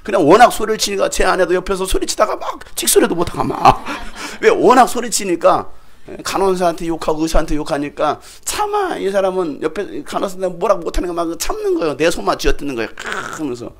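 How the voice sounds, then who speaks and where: A middle-aged male pastor preaching a sermon in a church, telling a story with lively shouts, laughter and acted-out voices. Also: high voice, fast talker. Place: church sanctuary.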